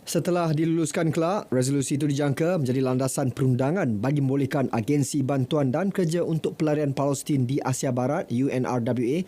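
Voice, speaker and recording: A man's voice: medium pitch, brisk, hardly any pauses, dark tone. A man reading parliamentary news in a formal studio newsreader delivery. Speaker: news presenter.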